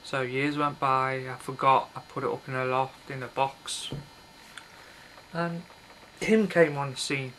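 A video blogger in his thirties rambles casually to the built-in mic of his webcam from a small indoor bedroom with red curtains, blunt and offhand, often breaking off mid-thought. His mid-range voice is steady, measured, and a bit bright, and the poor audio carries slight background noise.

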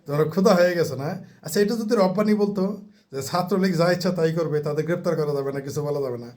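Male political commentator, mocking and heated, slightly high voice, fires rhetorical questions. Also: fast, darkish tone. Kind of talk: ranting political monologue.

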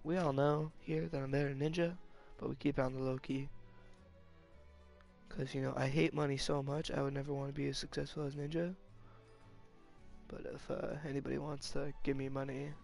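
A man's voice: mid-range voice, creaky, a little mellow. A young man live-streaming a video game, joking, swearing and talking to his chat. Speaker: gaming streamer.

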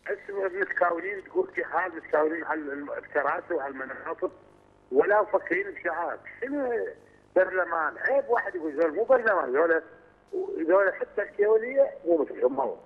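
A man's voice: a little high, expressive, quick pace, slightly rough. An indignant man with an Iraqi accent calling in to a talk show, repeating himself as he talks. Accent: Iraqi Arabic. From Iraq. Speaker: caller. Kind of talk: phone-in call. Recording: tinny phone line in a reverberant studio.

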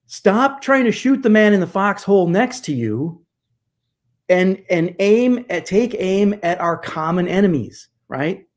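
A man in his fifties, a guest church historian, speaking over a video call from a home study, emphatic and animated with rhetorical questions. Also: high-pitched, unhurried. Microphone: video call webcam.

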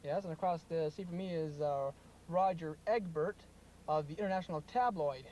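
Man as dismissive film critic, mock review banter, high-pitched, blunt, folksy, slightly noisy. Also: normal speed, warm tone, close to an everyday voice. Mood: scornful. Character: dismissive, grumpy male TV film critic, parody. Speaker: co-host. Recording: noisy home video in parked car.

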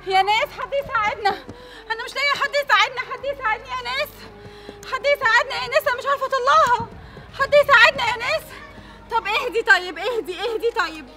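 A woman's voice: very high-pitched, fast talker, over music, crowd noise. A woman with an Egyptian accent playing a kind stranger who pleads for help and soothes a child in a family skit, recorded outdoors. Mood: worried, soothing. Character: kind woman stranger, worried then indignant. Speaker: passerby helping a locked-in child.

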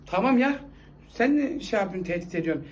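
A woman voicing a whiny, grumbling young man who talks in rough slang, in a comedy sketch. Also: mid-range voice, expressive, quick pace, a little mellow, a little hiss or hum, close to an everyday voice.

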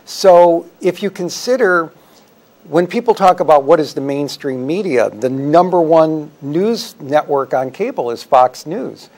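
Guy historian being interviewed, calm and articulate, explains things like a lecture. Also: fairly high pitch, unhurried. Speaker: historian guest.

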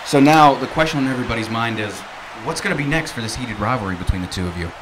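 A man's voice: mid-range voice, animated, quick pace, noisy background, natural voice. A young man playing an earnest wrestling interviewer with formal announcer phrasing, in a promo parody. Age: young adult. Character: earnest suited wrestling interviewer introducing his guest. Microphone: handheld mic.

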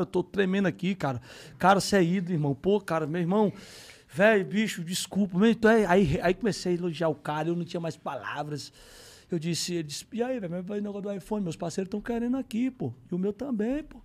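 Brief: male comedian, high-pitched, excitable storyteller who drops to mutters and bursts out loud, slangy and profane. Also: vocal fry. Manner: excitable, swings from low mutters to loud exclamations. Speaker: comedian guest on a podcast. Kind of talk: animated comic storytelling.

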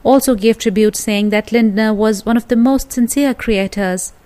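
A woman with a somewhat high voice reads scripted news narration as the channel's host. Her delivery is steady and even, every sentence read out in the same measured way.

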